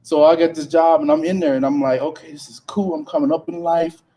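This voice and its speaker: A man's voice: fairly high pitch, level tone, a little fast, mellow. A man from Liberia doing freestyle stand-up at an open mic, loose and conversational. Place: outdoor bonfire event. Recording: distant mic with background noise.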